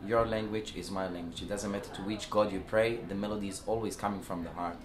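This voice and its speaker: Talking fast in a lowish, steady voice, this Israeli-accented man is a singer and band founder whose first language is Hebrew. The casual interview takes place at a music club after a show, the sound is roomy, and he hesitates a great deal with fillers and restarts.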